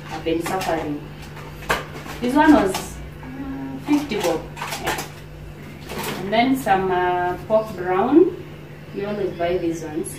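A Kenyan vlogger with a medium-pitched voice chats through a casual grocery haul in her home kitchen, unhurried and full of fillers and pauses. The camera sits on the counter a few steps away, so the roomy kitchen sounds echoey, with background hiss.

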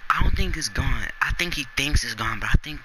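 A man's voice: mid-range voice, expressive, a little fast. A young man chatting in a slangy, teasing way during an online game. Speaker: online gamer. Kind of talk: casual gaming voice chat. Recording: noisy game voice chat.

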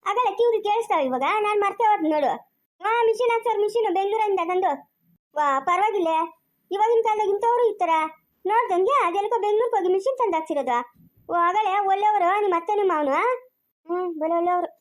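In a homemade family drama, a woman plays a fretful, quarrelsome village woman, talking fast in a very high voice. Her rural Chikkaballapur Kannada accent carries scolding, exclamations and questions she keeps repeating.

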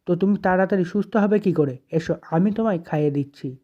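A narrator reading the lines of a hot-tempered young husband in their own plain voice. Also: male voice, sits high, quick pace, highs cut off.

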